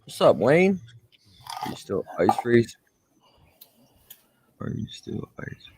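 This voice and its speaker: A man's voice: medium pitch, very animated, takes it slowly, noisy background. A man hosting a casual live stream, greeting viewers by name in an upbeat way.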